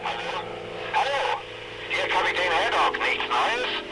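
An actor playing a gruff, blustering middle-aged sea captain who bellows exclamations, in a radio play. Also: male voice, high-pitched, sing-song, unhurried. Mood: eager. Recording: loud background noise.

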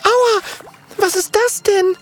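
A man squeaks out a jumpy little porcupine girl, way up high above his own voice and swooping wildly. Her voice is shrill and squeaky, a storybook animal. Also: big pitch swings, a little slow, vocal fry, a bit bright, a little hiss or hum, heavily acted. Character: excitable young female porcupine. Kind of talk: storybook reading.

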